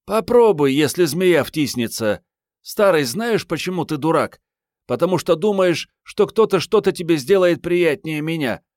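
Young woman, bold and mocking, sharp tongue, pitched well up; read by a man in an audiobook. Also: expressive, moderate pace, no room sound, studio quality, lightly acted. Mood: teasing. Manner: mocking, bold, coarse banter. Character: brash, sassy young woman, crude and teasing.

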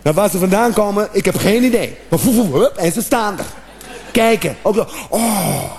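A man doing a stand-up comedy routine, animated, with sudden shouted outbursts and acted-out noises. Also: sits high, moderate pace.

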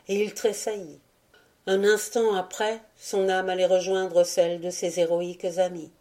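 Woman reading history in a low, mellow voice. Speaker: audiobook reader. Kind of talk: scripted narration of a history book.

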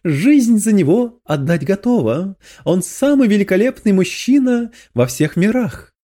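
A man's voice: high-pitched, very animated, measured pace, dark tone, pitched above the performer's own voice, heavily acted. A man reading aloud, voicing a young demon woman who sounds nervous and dryly ironic. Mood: wry.

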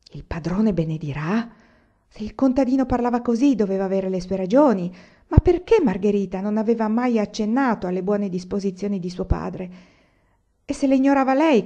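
A woman narrating a literary audiobook in a measured, expressive reading. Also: mid-range voice, highs cut off. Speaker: audiobook reader.

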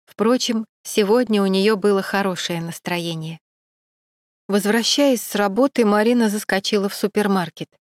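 In scripted narration of a novel, a woman with a mid-range voice tells the story in a measured, even manner. The studio sound is clean, with no room sound.

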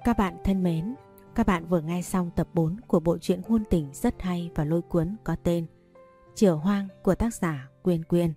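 Mellow-voiced woman narrating a story. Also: fairly low pitch, faint music behind. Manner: steady, measured first-person storytelling. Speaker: audiobook narrator.

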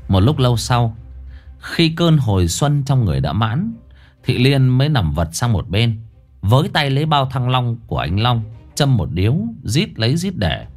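A man's voice: mid-range voice, very animated, moderate pace, faint music behind. A man narrating a ghost story in a colloquial, crude and dramatic manner.

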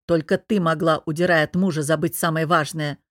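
A woman voicing a blunt young female friend, hungover and hoarse, who scolds and grumbles in an audiobook. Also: deep voice, fairly even intonation, brisk, no room sound, studio quality, voice pushed down, natural voice. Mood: scolding. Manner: brusque, scolding.

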